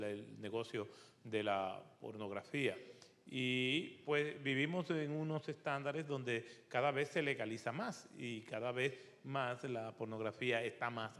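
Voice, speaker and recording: A man's voice: mid-range voice, fairly bright tone. Preacherly man in a reverberant hall. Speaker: panel speaker. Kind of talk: church Q&A answer.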